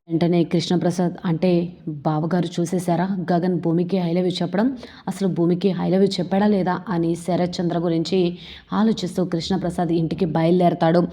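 A woman retelling a TV serial episode, reading every character's lines in her own steady voice. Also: on the low side, brisk. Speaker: serial recap narrator.

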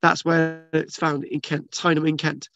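A man's voice: on the high side, completely flat delivery, moderate pace, creaky, fairly bright tone, no echo, highs cut off. A man reading news articles aloud and commenting in a rambling, casual way, with many restarts and fillers. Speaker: channel host reading and discussing archaeology news. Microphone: video call screen share.

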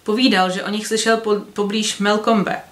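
A woman voicing a quick, watchful village man. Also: medium pitch, flat delivery, natural voice. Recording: roomy echo.

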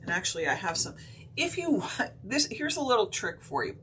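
A woman teaching a craft technique on a live stream, explaining each step in a relaxed, chatty way with lots of fillers and short hiccups. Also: medium pitch, fairly quick, a little hiss or hum. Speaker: craft instructor.

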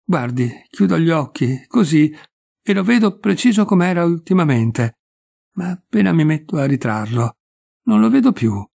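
A man's voice: a little high, very animated, moderate pace, gravelly, darkish tone, pitched above the performer's own voice, heavily acted. A man reading the lines of a young grieving woman, earnest and a little hurt. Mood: wistful.

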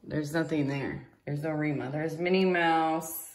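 A woman's voice: sits low, steady tone, a little slow. Patient mother questioning her child. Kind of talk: casual chat with a young child. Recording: echoey room.

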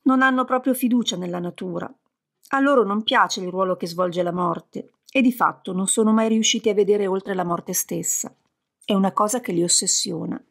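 A woman reading as a wistful, husky queen goddess. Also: mid-range voice, moderate pace. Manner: wistful, self-assured.

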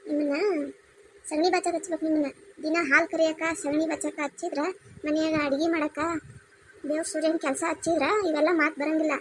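A woman's voice: high-pitched, flat delivery, a little fast, slight background noise, natural voice. A woman voicing a bossy, strict village mother-in-law with a North Karnataka Kannada accent, scolding and commanding. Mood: angry.

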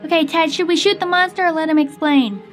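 A young adult woman acting out a playful improvised story while gaming, hosting with simple, expressive narration over music. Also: very high-pitched, fast talker. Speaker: gaming video host and player. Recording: music behind the voice.

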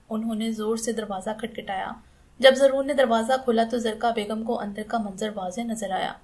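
Woman narrating a novel, gravelly. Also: fairly high pitch. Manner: steady, expressive storytelling. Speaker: audiobook narrator.

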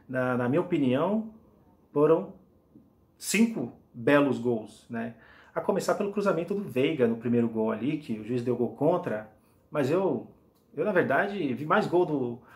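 Man in his forties, eager fan commentary, mid-pitch voice, small indoor room, camera mic at desk distance. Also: a little mellow. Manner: enthusiastic, rambling with many restarts and tag questions. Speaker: football fan vlogger.

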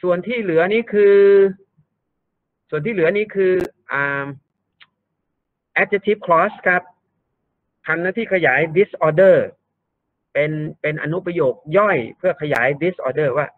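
A man's voice: high-pitched, slow pace, long pauses, no echo. A man tutoring an English grammar lesson, explaining step by step and often repeating his words. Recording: thin phone-like dry sound.

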